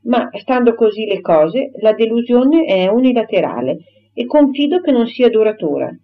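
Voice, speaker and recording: A woman voicing a proper young gentlewoman who firmly and formally rejects a suitor, on a dull lo-fi recording. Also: on the high side, expressive, normal speed, voice pushed up. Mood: indignant firm. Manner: firm, crisp and formal.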